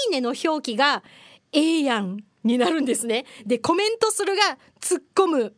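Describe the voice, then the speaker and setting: A woman's voice: sits high, dry recording, studio quality. A woman hosting a casual solo news chat, chatty and wry, mixing formal polite phrasing with casual asides and frequent hesitations. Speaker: podcast host.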